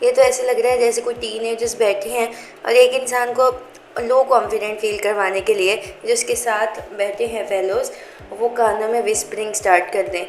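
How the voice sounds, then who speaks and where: A woman's voice: on the high side, fairly even intonation, moderate pace, reverberant, slight background noise, rough recording. A woman hosting a celebrity gossip channel, giving a scripted, chatty narration and mixing English words into her talk. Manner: chatty, reads viewer comments aloud, mixes English into Hindi.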